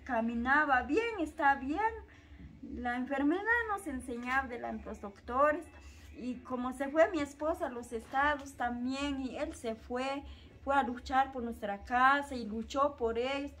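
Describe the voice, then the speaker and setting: A young woman telling a personal story in a halting, repetitive way. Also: high-pitched, a bit bright. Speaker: interviewee, mother. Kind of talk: personal testimony.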